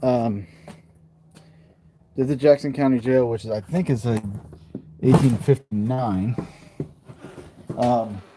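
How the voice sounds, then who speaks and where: A man's voice: medium pitch, slow, pauses often, background noise. A man hosting a casual live stream, chatting straight to his viewers. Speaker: livestream host.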